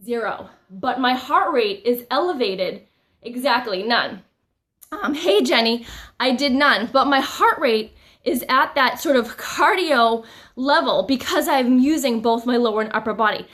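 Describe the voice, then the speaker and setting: A woman's voice: a little high, lively intonation, measured pace, fairly bright tone. A woman fitness instructor leading a live-streamed workout, a little out of breath, upbeat and chatting with her viewers. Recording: echoey room, voice from a distance.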